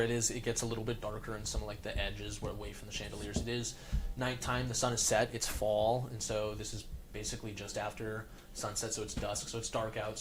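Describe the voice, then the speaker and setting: A man narrating as game master in a tabletop game, loose and relaxed with lots of fillers. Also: lowish voice, noisy background.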